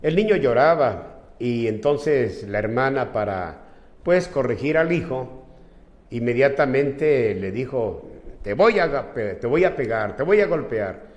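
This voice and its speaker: A man's voice: mid-range voice, lively intonation, measured pace, darkish tone, dull audio. A man preaching as a pastor, explaining earnestly and retelling a visit with quoted dialogue. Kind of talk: sermon with personal anecdotes. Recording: echoey hall with long reverb.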